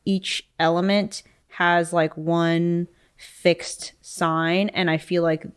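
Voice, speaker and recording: Low-voiced woman reading from an astrology book. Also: little pitch movement, takes it slowly, clean tone. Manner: reads passages then muses on them, with many fillers like "um" and "like". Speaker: podcast co-host. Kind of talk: casual chat, reading aloud from an astrology book.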